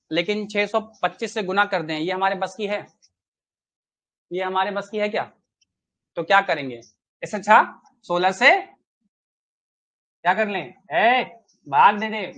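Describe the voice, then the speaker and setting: A man's voice: high voice, a bit bright. Man teaching maths online, chatty, keeps asking the class questions then answering himself. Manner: chatty, coaxing, quizzes students with rhetorical questions.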